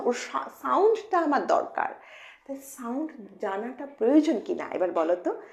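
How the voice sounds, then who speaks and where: Playful woman teaching phonics, high voice. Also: a little mellow. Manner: playful, coaxing, asks many questions; models sounds slowly and repeats them. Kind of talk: informal lesson to children.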